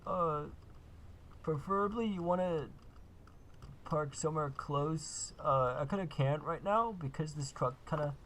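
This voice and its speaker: A man's voice: a little high, unhurried, fairly bright tone, slight background noise. A man giving a laid-back, casual gameplay walkthrough, full of uh and kinda. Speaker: gaming video host.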